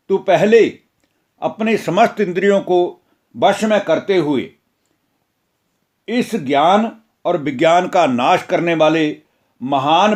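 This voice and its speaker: Guy doing a solemn god teaching, high voice, takes it real slow. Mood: instructive. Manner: measured, solemn instruction. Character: divine male teacher god, calm and instructive. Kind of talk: scripture retelling.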